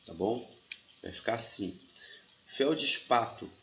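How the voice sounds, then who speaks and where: Bright-voiced male teacher. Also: mid-range voice, moderate pace, a little hiss or hum. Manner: didactic, checks in with "tá bom?". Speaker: grammar teacher. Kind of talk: explaining a lesson. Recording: echoey room, slightly dull audio.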